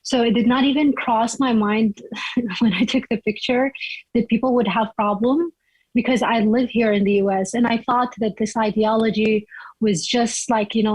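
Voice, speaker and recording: A woman's voice: fairly high pitch, a little mellow, slightly rough, no room sound, low-quality recording. A young woman from Iraq, chatting as an interview guest and telling her story loosely, with lots of "like" and "you know.".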